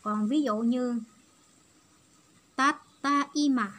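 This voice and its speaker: A woman's voice: a little high, moderate pace, sharp tone. A woman giving a patient, step-by-step online language lesson. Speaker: Japanese language teacher.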